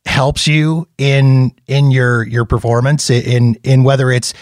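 A man's voice: medium pitch, level tone, takes it slowly, darkish tone, no room sound. A man hosts a podcast interview over a video call. His questions ramble, with frequent restarts and fillers. The sound is close and dry. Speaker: podcast host.

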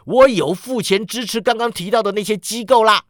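Man doing a shrill, scornful old miser. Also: a little fast, no room sound, clean studio sound, natural voice. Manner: snapping, high-pitched shouts.

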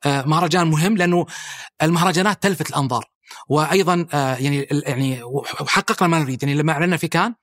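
A man's voice: a little high, very fast, fairly bright tone, dry recording, clean studio sound. A middle-aged man with a Saudi accent, explaining as a guest in a podcast interview, fluent and listing points with frequent hesitation sounds. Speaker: guest, head of a national film body.

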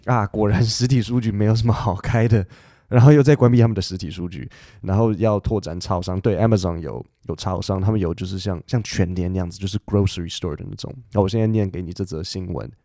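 Man, low voice, casual podcast teacher, thinks aloud, slow careful English reading. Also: no room sound, studio quality. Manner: relaxed, chatty, thinks aloud with fillers and restarts; reads English news text slowly and carefully.

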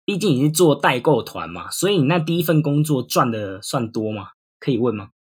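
A man's voice: medium pitch, big pitch swings, fairly quick, slightly rough. A man hosting a podcast, asking questions in a conversational interview style.

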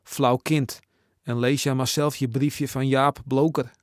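A man's voice: medium pitch, little pitch movement, unhurried, dry recording, clean studio sound, lightly acted. A man voicing an embarrassed teenage boy in a storybook reading, answering in a mumbled, offhand way. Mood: snappy.

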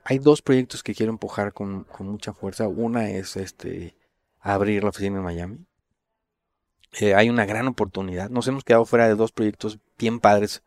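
A man's voice: lowish voice, moderate pace, no echo. Slangy Mexican man telling a story. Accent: Mexican Spanish. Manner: slangy, swears freely, animated when quoting others. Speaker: interview guest, designer. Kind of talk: casual storytelling interview.

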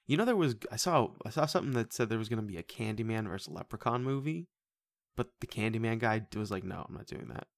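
A man hosting a casual movie podcast, joking around with goofy, animated bursts. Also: on the low side, fast, no room sound, clean studio sound. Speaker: podcast host.

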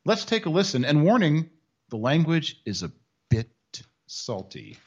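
A man's voice: a little high, big pitch swings, a little slow, crowd noise. A man hosting a commentary show, narrating with dry, mocking asides. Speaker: commentary host. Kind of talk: sarcastic commentary. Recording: dull lo-fi audio.

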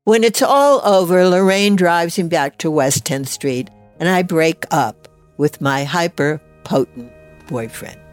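An older woman, giving personal testimony in a measured, deliberate, reflective way. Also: on the low side, expressive, faint music behind.

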